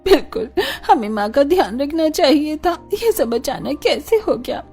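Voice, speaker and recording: Young married daughters in a cartoon talk in high, emotional voices, all done by one woman. Their delivery is pleading and earnest. Soft music hums faintly behind them. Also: very animated, measured pace, exaggerated voice. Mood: tearful. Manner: pleading, tearful and heated by turns. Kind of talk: animated story dialogue.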